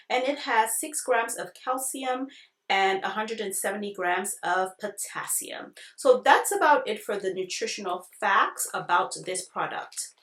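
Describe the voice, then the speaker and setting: A woman's voice: mid-range voice, a bit bright. A woman giving a casual product review, chatting directly to her viewers in an informal way. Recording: echoey, roomy sound.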